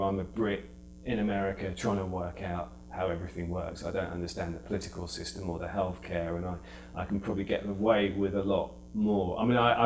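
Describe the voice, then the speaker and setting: A middle-aged British comedian chatting as an interview guest, telling stories with quick acted-out asides. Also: male voice, fairly low pitch, darkish tone. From United Kingdom. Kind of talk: casual interview anecdotes.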